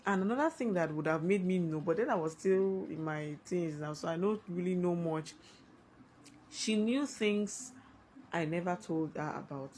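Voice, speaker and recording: A woman's voice: on the low side, normal speed, darkish tone, slight background noise, rough recording. A woman with a Nigerian accent telling a scary personal story conversationally, emphatically repeating phrases for effect.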